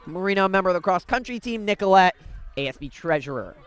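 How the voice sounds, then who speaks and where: A man's voice: high-pitched, expressive, fast talker, fairly bright tone, clear, resonant tone. A young man doing live, chatty sports broadcast commentary from a set at a stadium, bantering with guests. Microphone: handheld broadcast mic.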